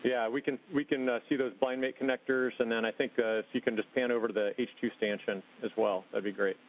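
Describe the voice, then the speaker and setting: A man acting as mission control communicator, speaking calm and clipped over a communicator radio link. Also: mid-range voice, fast talker. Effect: tinny sci-fi communicator radio. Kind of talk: radio comms with spacewalkers. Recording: narrow tinny radio link.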